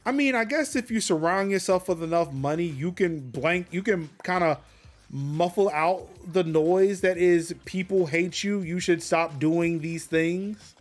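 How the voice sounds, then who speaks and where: High-voiced man ranting about tech. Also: unhurried, faint music behind. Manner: ranting, profane, with fillers. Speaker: tech podcast host. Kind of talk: casual commentary.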